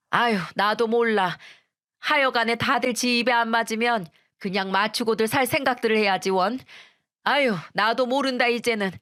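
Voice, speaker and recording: A woman's voice: medium pitch, fairly bright tone, clear, resonant tone, no room sound, lightly acted. A woman voicing a meek, fretful older mother-in-law who sighs and hesitates, in a dry audio story. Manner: hesitant, sighing.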